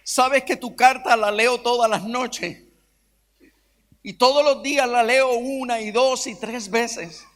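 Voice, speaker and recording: A repentant older father pours out his apologies in a high, slow, pleading voice, as a male preacher acts him out in his sermon. The long reverb of a church auditorium trails behind every phrase. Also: a bit bright, exaggerated voice. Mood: tender. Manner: pleading, emotional, repeated appeals. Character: remorseful older father begging his son's forgiveness. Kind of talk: sermon storytelling.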